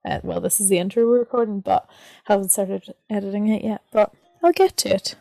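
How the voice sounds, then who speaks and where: A woman's voice: mid-range voice, a little fast, creaky, mellow, no echo. A woman with an Irish accent hosting a podcast in informal, loosely phrased casual chat. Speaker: podcast host.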